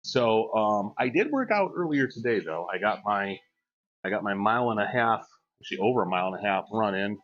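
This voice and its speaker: A man's voice: on the low side, animated, fairly quick, a bit bright. A man in his forties chatting casually on a live stream, joking and reading chat aloud. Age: 40s. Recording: dull lo-fi mic.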